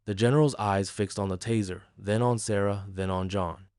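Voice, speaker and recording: Low-voiced male story narrator. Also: fairly even intonation, normal speed, darkish tone, no room sound, clean studio sound.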